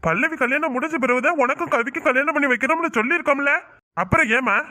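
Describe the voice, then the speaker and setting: A woman's voice: high-pitched, fast talker, pushed and bright. A woman voicing an impatient village brother-in-law in a cartoon, scolding a headstrong young woman. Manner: scolding, exasperated. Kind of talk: cartoon voice acting.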